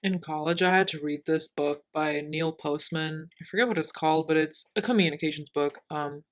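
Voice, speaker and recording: A woman's voice: low voice, moderate pace. A young woman in her twenties, co-hosting a podcast in casual chat, rambling with many fillers and laughing, a little tipsy. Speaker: podcast co-host.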